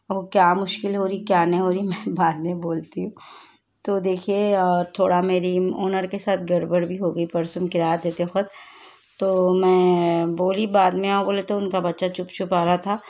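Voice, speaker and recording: A woman talks casually to her vlog audience. She retells arguments with quoted lines, and her voice stays flat and even. The recording sounds a little dull and lo-fi. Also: medium pitch. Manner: worried, complaining tone. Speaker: family vlogger.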